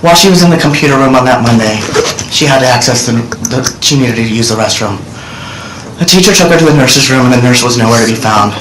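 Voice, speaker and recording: Speaking quickly and expressively in a mid-range voice, a middle-aged male witness gives earnest, direct public testimony to senators. He sits at a desk microphone in a large hearing room, with background noise present. The audio has a roomy, hearing-room quality.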